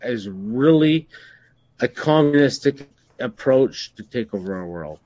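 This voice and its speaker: A man's voice: mid-range voice, animated, measured pace, warm tone, no room sound. A man from Canada calling in to a show, speaking earnestly and insistently, repeating himself. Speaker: caller.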